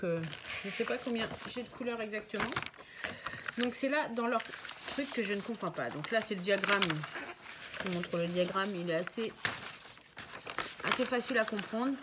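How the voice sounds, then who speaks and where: A mid-pitched woman chats through her crafting haul, pausing often to think aloud. The recording is noisy, with packaging crinkling and clicks behind her. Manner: chatty, thinking aloud with many hesitations. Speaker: crafting vlogger. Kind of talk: casual show-and-tell vlog.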